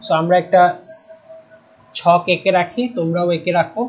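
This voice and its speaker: A man's voice: high-pitched, flat delivery, normal speed. Patient Bangladeshi male lecturer, lo-fi stream. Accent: Bangladeshi Bengali. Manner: patient, checks in often with "ঠিক আছে?"; stresses spelling and pronunciation, repeating terms. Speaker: teacher. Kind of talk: live online lecture.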